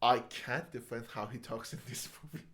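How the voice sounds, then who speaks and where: A man's voice: medium pitch, normal speed, fairly bright tone. A man co-hosting a film podcast, talking casually and animatedly, with frequent laughs and swearing. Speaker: podcast co-host.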